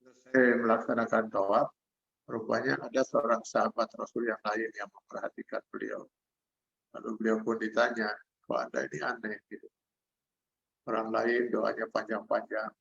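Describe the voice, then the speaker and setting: An older male preacher with an Indonesian accent and a deep, heavily gravelly voice. He recites Arabic verses and then explains them. It comes through as dull, lo-fi video call audio. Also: normal speed, a bit bright. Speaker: Islamic preacher. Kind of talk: sermon over video call.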